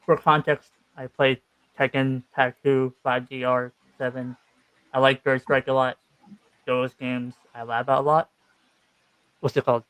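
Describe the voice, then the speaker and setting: A man's voice: medium pitch, a bit bright, no room sound, rough recording. A man speaking with braces in his mouth, giving his view casually as a guest in a gaming debate.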